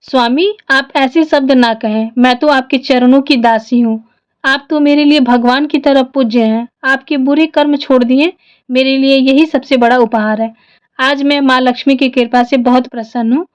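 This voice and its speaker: A woman's voice: high-pitched, steady tone, normal speed, clean tone, lo-fi sound, lightly acted. A woman voicing a young devoted wife who prays and pleads in her grief, in a storytelling style. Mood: grateful. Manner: pleading, tearful prayer.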